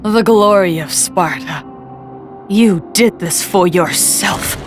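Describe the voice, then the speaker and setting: A woman's voice: medium pitch, takes it slowly, soft background music, close to an everyday voice. A woman voicing a weary, reproachful warrior's wife in a video game, pleading and accusing. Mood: accusing, upset. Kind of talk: dramatic video game voice acting. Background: faint game score.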